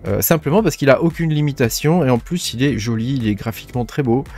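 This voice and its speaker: A man's voice: medium pitch, fast talker, darkish tone. A man hosting a casual screen-share tech tutorial, talking informally to the viewer with many fillers. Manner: chatty, informal, frequent "hein" and "tu vois" fillers.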